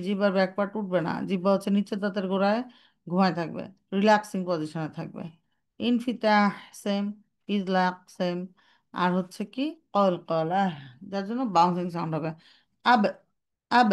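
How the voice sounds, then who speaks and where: Woman, young adult, Quran recitation teacher, online lesson, step-by-step explanations, mixes in English terms, middle pitch. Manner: explains step by step, demonstrates sounds, asks and answers her own questions.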